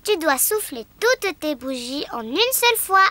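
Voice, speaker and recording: A performer voicing a cheerful, excitable little girl pig in a children's cartoon, with an eager, bubbly, childlike manner. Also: high voice, a little slow, no echo, full character voice. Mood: earnest, playful.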